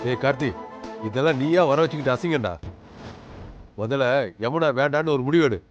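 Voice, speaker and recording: A man's voice: medium pitch, fairly quick, dull audio, lightly acted. An actor playing a stern father who orders his son to give up a woman. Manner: stern, commanding. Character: stern older father laying down the law. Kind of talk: TV serial acting. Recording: under loud dramatic music.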